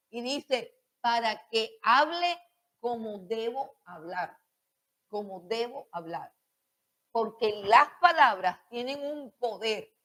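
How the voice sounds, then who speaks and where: A woman's voice: a little high, fairly bright tone. A woman teaching a Bible school class on preaching, repeating her points and questioning her students.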